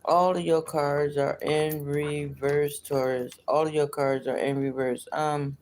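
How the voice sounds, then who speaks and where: A woman's voice: low-pitched, flat delivery, measured pace, darkish tone. Toothless woman, chatty tarot reader, noisy stream. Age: middle-aged or older. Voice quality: toothless, slightly slushy articulation from missing teeth. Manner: repeats phrases over and over. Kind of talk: casual livestream tarot reading, chatty.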